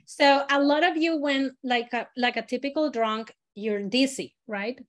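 A woman from Latin America leading a storytelling workshop, explaining exercises in an animated, demonstrative way. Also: a little slow. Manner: animated, demonstrative, swings pitch and loudness while modeling voices. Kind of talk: teaching a live workshop.

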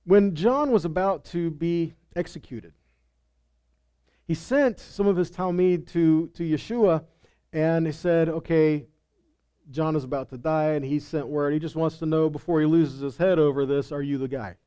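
On the indoor stage of a congregation hall, a middle-aged man wearing a headset mic preaches an emphatic teaching sermon, reading scripture and posing rhetorical questions that he then answers. His voice is on the high side, warm, clear and resonant, at a normal speed.

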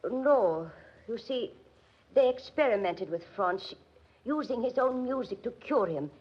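In a 1940s radio drama, an actress plays an anxious, gentle German immigrant widow, speaking with a German accent in halting, pleading, formal phrases. Her fairly high female voice is expressive and slightly rough, the mood wistful, and the recording a muffled vintage one from the 1940s.

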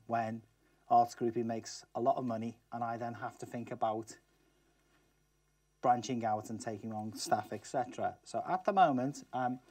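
A middle-aged man from Liverpool, England, speaks with a Liverpool accent as a guest speaker, giving students a chatty talk and putting questions to them. His voice is medium-pitched and a little mellow. It was captured by a distant camera mic with no mic in view, giving a dry, far-off studio sound without echo.

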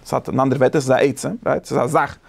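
Fast gravelly man teaching. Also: mid-range voice. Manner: animated, thinking aloud with many restarts. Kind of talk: casual study lesson.

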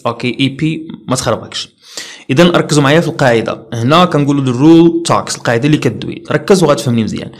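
A young man with a Moroccan accent teaching English pronunciation, explaining rules in Darija and reading English rules slowly and carefully. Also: mid-range voice. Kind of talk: pronunciation lesson.

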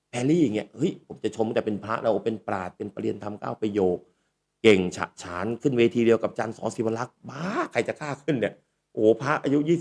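Male talk host, chatty and animated, slips into quoted voices. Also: medium pitch. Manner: lively, acts out quoted voices. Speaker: speaker and talk show host. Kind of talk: casual storytelling talk.

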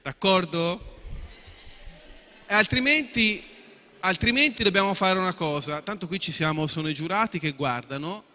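With a high, sharp voice, moderate pace and frequent pauses, a man hosting a live quiz lays out the rules for contestants. He keeps it chatty, repeating and restarting lines and asking whether everyone agrees; the event hall gives the recording an echo.

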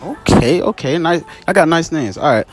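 A man's voice: on the high side, lively intonation, moderate pace, no room sound. A young man running a casual public interview in a shopping mall, talking into a phone he holds out, upbeat and joking, repeating his lines. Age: young adult. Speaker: street interviewer. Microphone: phone held out. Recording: phone audio with music and crowd.

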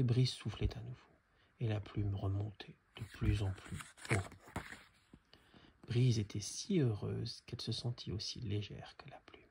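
A man reading a children's storybook aloud in a hushed, half-whispered narration. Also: on the low side, vocal fry, slightly rough. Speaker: storybook reader.

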